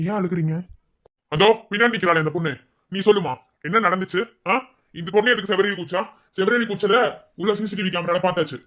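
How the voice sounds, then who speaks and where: A man's voice: high-pitched, fast, sharp tone. Man doing a scolding college principal. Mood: stern. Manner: lecturing, scolding.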